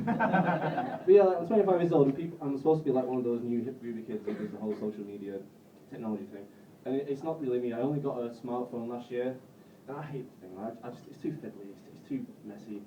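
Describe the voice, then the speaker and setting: Dark-voiced Northern English comic, twenties. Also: male voice, mid-range voice, slight background noise. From Bolton, England. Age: 20s. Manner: self-deprecating, halting with repeated restarts, swears freely. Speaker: stand-up comedian. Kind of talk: live stand-up set. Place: comedy club stage. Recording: roomy, distant, muffled live recording.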